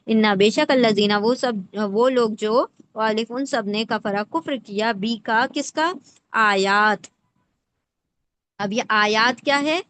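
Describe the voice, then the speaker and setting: Speaking a little high with a fairly bright tone, a woman gives a patient Quran lesson, going word by word. She explains by breaking words into their parts, often pausing to check on the listener with rhetorical questions.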